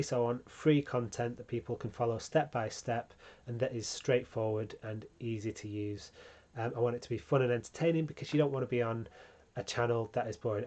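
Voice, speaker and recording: A man explains branding in a relaxed, casual tutorial, filling pauses with ums and correcting himself as he goes. His voice sits mid-range and stays fairly flat, with little rise or fall. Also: medium pitch. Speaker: channel host teaching branding.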